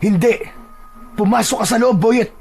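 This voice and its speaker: A narrator voicing a stern, protective priest who gives firm orders. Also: female voice, lowish voice, a little fast, a little mellow, husky, soft background music, pitched above the performer's own voice. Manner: firm, commanding.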